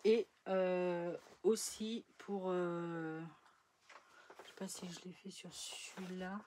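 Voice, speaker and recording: A woman with a fairly low voice talks casually in a home sewing vlog, rambling and trailing off with plenty of fillers. Faint noise sits under the recording. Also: flat delivery, slow, darkish tone. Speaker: sewing vlogger. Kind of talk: casual chat showing sewing projects.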